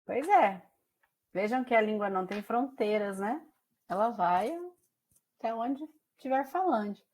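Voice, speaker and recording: A woman's voice: mid-range voice, expressive, a little slow, darkish tone. A woman from Mato Grosso do Sul teaches a class in a chatty, conversational way. Her Brazilian Portuguese carries a São Paulo caipira tinge. She fills her talk with small fillers and keeps putting questions to her students. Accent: Brazilian Portuguese with São Paulo caipira influence. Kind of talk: online class lecture.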